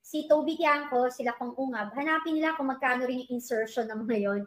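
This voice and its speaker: Brief: middle-aged woman guest, slightly high voice, emphatic and outspoken. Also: a little fast, a bit bright, rough recording. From Philippines. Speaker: guest commentator. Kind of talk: casual political chat.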